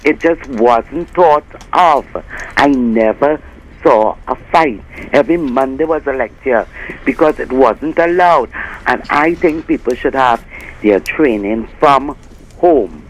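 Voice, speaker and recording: A man's voice: mid-range voice, slow, low-quality recording. Older man, folksy and rambling. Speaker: caller. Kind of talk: call-in radio.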